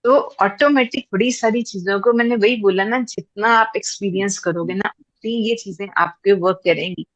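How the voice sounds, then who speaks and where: A woman's voice: mid-range voice, normal speed, few pauses, no echo, rough recording. Patient woman teaching a class. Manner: patient, repeats points with everyday examples. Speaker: teacher of breath practice. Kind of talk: explanatory class talk.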